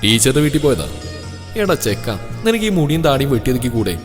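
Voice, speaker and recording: A kindly elder-sister woman, put on by a male storyteller, chatty and motherly, chiding in a soft, slightly raised voice. The storybook reading carries a long reverb and soft music underneath. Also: mid-range voice, sing-song, quick pace, natural voice.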